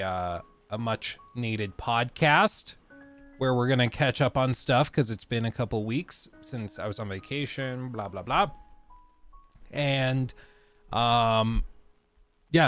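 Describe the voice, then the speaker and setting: A young man with a stuffed-up nose hosts a casual live stream, rambling and chatting with lots of fillers. His mid-range voice is clear, resonant and fairly bright.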